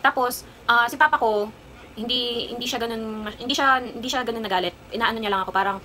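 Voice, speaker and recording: A woman's voice: a little high, fairly quick, sharp tone, poor audio. A young woman in her twenties with a Kapampangan accent, chatting casually in a haul vlog as she tells a personal story, rambling along with lots of fillers. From Philippines. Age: 20s. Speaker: vlogger.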